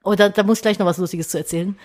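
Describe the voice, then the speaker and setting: A woman's voice: medium pitch, racing. A woman in her thirties, co-hosting a casual podcast and telling a story with lots of quoted dialogue and fillers. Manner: animated retelling with quoted dialogue, many fillers. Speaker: podcast co-host.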